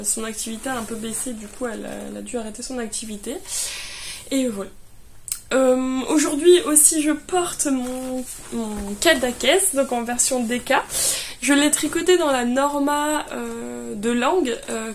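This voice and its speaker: A woman's voice: fairly high pitch, vocal fry, slight background noise. Hesitant woman knitter chatting casually. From France. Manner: hesitant, many fillers and restarts. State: tired. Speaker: knitting vlogger. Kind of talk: casual chat.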